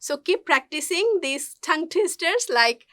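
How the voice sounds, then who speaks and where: A woman English tutor, explaining in mixed with English and reciting tongue twisters slowly and carefully. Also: extremely high pitch, lively intonation, sharp tone. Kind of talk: friendly language lesson.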